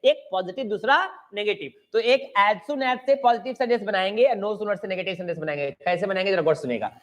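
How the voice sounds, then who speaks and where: A man's voice: sits high, fairly quick, a bit bright. A man from India teaching English grammar in a coaching class, mixing Hindi and English, encouraging students and repeating key words for them to say back.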